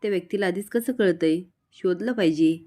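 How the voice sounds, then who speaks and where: A woman's voice: on the low side, fairly quick, dark tone, natural voice. A woman voicing a moody grown man who teases and bargains dramatically with his sister. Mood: teasing. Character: moody grown man, teasing, stubborn brother.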